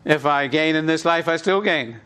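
A middle-aged Irish preacher with a slightly high male voice delivers a sermon in a pushed, bright, clean tone. He drives call-and-response with the congregation, stressing short phrases for them to say back.

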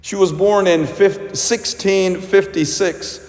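A man, a priest, reading the gospel and preaching a homily in a slow, measured way inside a large church. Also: high-pitched, steady tone. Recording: long echoing church reverb.

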